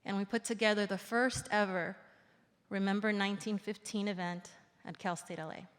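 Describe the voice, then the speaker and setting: An invited speaker at a public event, a woman in her forties originally from El Salvador, offers a formal speech that is earnest and reflective, easing her pace for emphasis. Her intonation stays fairly even in a mid-range voice. The large indoor theater gives the recording a reverberant, hall-like quality.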